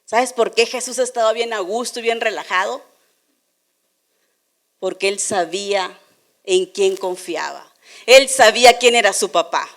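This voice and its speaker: A woman from Tijuana with a northern Mexican accent, telling a Bible story to a young congregation in a playful, animated way, with many rhetorical questions. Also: a little high. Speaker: children's church teacher. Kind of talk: lively Bible lesson sermon.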